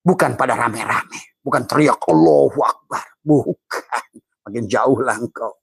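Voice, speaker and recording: A middle-aged man preaching a mystical sermon, chuckling often and breaking into sudden high, loud bursts for emphasis. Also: a little slow, gravelly, husky, no echo. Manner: playful, chuckles often between points. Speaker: Sufi religious teacher.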